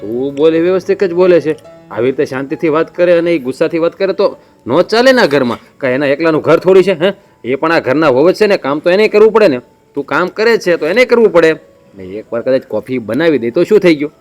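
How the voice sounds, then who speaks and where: A man's voice: on the high side, animated, fast, faint music behind, close to an everyday voice. An actor playing a caring young husband, coaxing his wife to tell him what is wrong. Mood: reassuring. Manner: coaxing, keeps asking "eh?". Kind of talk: family drama acting.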